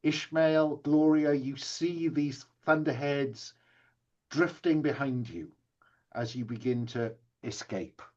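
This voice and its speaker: A man acting as game master, narrating a tabletop role-playing game in a measured way with pauses, prompting the players. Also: mid-range voice, darkish tone, dull audio.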